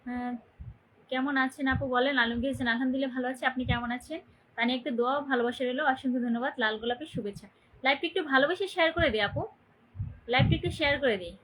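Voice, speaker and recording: In a low-quality recording, a young woman from Barisal, Bangladesh, chats on a casual phone livestream with a high, slightly bright voice at rapid-fire speed. She greets viewers by name, cheerfully urging them to comment and share.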